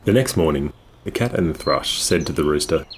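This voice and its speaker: A man reading a children's storybook aloud in a measured, expressive way. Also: rumbling low, background noise. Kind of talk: scripted storybook narration. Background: guitar music.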